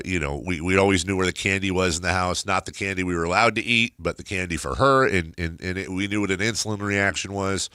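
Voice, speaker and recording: A man's voice: low-pitched, sharp tone, clean tone, no room sound, studio quality. A middle-aged man with a stuffed-nose, very nasal voice, talking casually and ramblingly as a talk radio host, repeating words and poking fun at himself.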